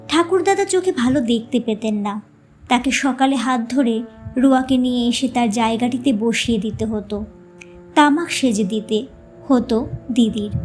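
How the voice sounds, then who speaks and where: A woman narrating a short story in a calm, measured reading. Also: high-pitched. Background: soft background music.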